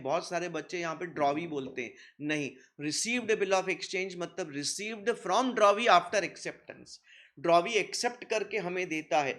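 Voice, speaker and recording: Lively Hindi-speaking commerce teacher, fairly high voice. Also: male voice. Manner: lively, teasing teacher who voices students' questions himself. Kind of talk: recorded classroom lecture.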